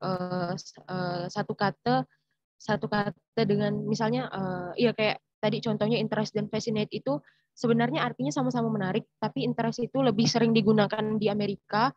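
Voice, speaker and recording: Young indonesian woman tutoring over a dull dry video call, kinda high voice, lots of umms. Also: steady tone, brisk, darkish tone, dry recording. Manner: explains with many fillers and restarts. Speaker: writing workshop mentor. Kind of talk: online class Q&A.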